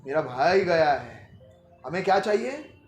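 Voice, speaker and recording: A man's voice: on the high side, sing-song, measured pace, reverberant, soft background music. A man in his forties preaching a sermon. He asks rhetorical questions, speaks straight to one listener and acts out people's pleas. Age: 40s.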